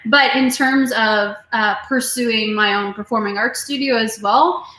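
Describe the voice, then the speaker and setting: A woman in her twenties speaks at a fairly high pitch, a little slowly, with a fairly bright tone. She is a music teacher who runs her own studio, and in a casual video interview she talks earnestly and motivationally, using plenty of fillers. The recording has a roomy echo.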